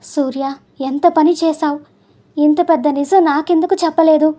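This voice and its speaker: A tearful middle-aged wife from a storybook, anxious and guilty, her high, mellow voice faltering, as a woman narrator puts her on. She stumbles over her words through tears. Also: steady tone, moderate pace, close to an everyday voice.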